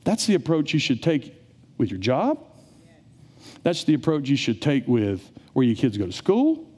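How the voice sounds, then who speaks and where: A middle-aged man, preaching a sermon in a church in an animated, conversational way. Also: moderate pace, slightly rough. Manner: animated, conversational preaching, rising to emphatic high peaks. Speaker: pastor. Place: church sanctuary.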